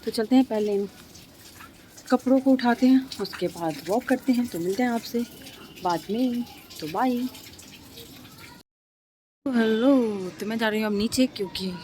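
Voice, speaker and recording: A woman's voice: fairly high pitch, moderate pace, pauses often, dark tone, a little hiss or hum, rough recording. A young woman chatting to her viewers in a casual home vlog, filmed on a phone. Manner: chatty, talks straight to viewers. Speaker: vlogger. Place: home and rooftop, indoors and out.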